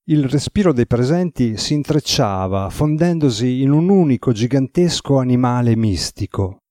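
A man reading a novel aloud as an audiobook narrator, in an even, measured way. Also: medium pitch, dry recording, clean studio sound.

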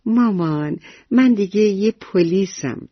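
A woman's voice: mid-range voice, lively intonation, slightly rough, no room sound, highs cut off, voice pushed up. A woman storyteller voicing an eager, proud little schoolboy who politely lectures his father about traffic rules, in a bedtime radio story. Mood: earnest.

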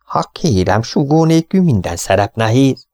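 A man's voice: medium pitch, very animated, darkish tone, dry recording, studio quality, lightly acted. A man reading an audiobook, voicing a vain, fussy stage actor who is theatrical and self-pitying.

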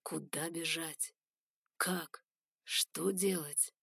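A worried male fox from a fantasy audiobook, quietly plotting how to flee, as a woman narrator reads him. His voice is lowish and close, with no room sound. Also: steady tone, extremely slow, gravelly, husky, no echo, full character voice. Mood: anxious.

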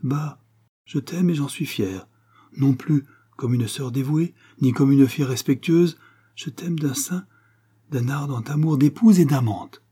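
A man reading an audiobook, voicing a tearful and passionately loving young wife with raised pitch and breathless whispered phrases. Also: a little slow, warm tone, husky.

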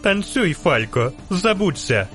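A man voicing a bold, fiery young elf woman who calls out commanding, teasing shouts. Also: fairly high pitch, sing-song, slow pace, soft background music, voice pushed up, heavily acted. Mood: rousing.

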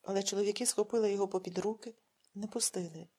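A woman reading an audiobook novel aloud in steady, grave narration. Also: medium pitch, fast talker, husky. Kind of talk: scripted narration.

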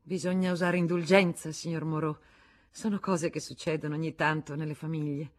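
A woman's voice: deep voice, steady tone, a little fast, lightly acted. A woman reading an audiobook, voicing a wounded wife who confronts her husband with cold, bitter irony. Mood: pleading.

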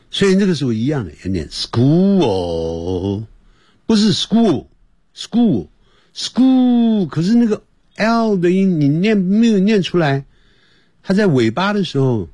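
A man teaching English on a radio lesson, explaining patiently and repeating words slowly for pronunciation. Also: mid-range voice, a little mellow, breathy edge, no room sound.

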